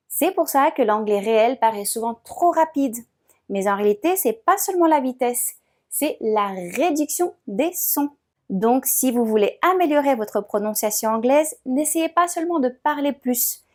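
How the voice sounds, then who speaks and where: A woman with a high-pitched, darkish voice narrates a scripted language lesson as a pronunciation teacher. She speaks clearly and deliberately, slowing down to model words.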